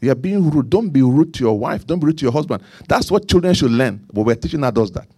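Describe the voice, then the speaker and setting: A middle-aged pastor with a Nigerian accent preaches a sermon in an animated, fast voice with a breathy edge and no echo. He repeats key lines, leans hard into emphatic points, then drops low for quiet asides.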